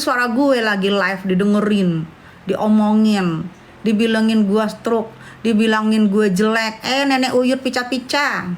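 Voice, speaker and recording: A woman, chatting brashly and scornfully on a livestream, calling her viewers darling. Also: on the high side. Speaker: livestream host. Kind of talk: casual livestream chat with viewers.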